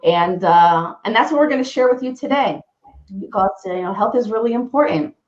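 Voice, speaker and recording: A woman's voice: medium pitch, lively intonation, fairly quick, roomy sound, dull audio. A woman presenting a webinar, telling a personal story in an earnest way, often restarting her sentences. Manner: earnest, self-interrupting storytelling with frequent restarts. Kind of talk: personal story and health talk.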